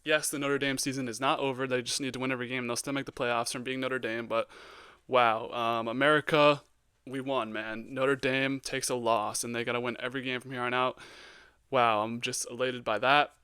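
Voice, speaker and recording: A young man hosting a solo sports podcast, giving blunt hot takes with lots of ums and getting excitable. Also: mid-range voice, a little fast, smooth, no echo. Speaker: podcast host.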